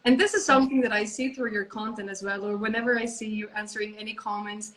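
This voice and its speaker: A woman's voice: medium pitch, fairly even intonation, fast talker, fairly bright tone, echoey room, poor audio. Chatty woman hosting a live stream. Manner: chatty, many fillers. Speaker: host. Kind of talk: casual live-stream chat. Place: indoors, phone live stream.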